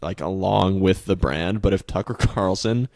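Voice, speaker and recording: A young man co-hosting a comedy podcast, hyper and joking, with shouty bursts and laughter. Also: sits low, moderate pace, gravelly. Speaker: podcast co-host. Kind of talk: casual comedic chat.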